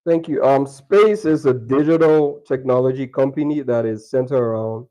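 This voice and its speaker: A young man from Liberia talks over a video call as an interview guest. His voice is mellow and warm, and he speaks in a chatty way, often restarting his sentences. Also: medium pitch, normal speed, rough recording. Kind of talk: remote interview conversation.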